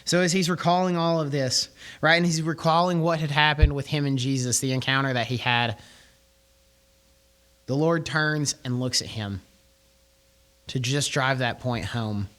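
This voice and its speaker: A man's voice: medium pitch, fairly even intonation, moderate pace, pauses often, a bit bright. Casual man teaching a Bible class. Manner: casual, keeps asking "right?". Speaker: Sunday school teacher. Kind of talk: conversational Bible lesson.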